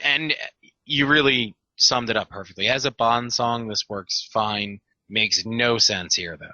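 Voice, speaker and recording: A man's voice: mid-range voice, sharp tone, no room sound. A man co-hosting a casual album review podcast, agreeable and steering the talk with questions. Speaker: podcast co-host. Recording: dry, dull lo-fi mic.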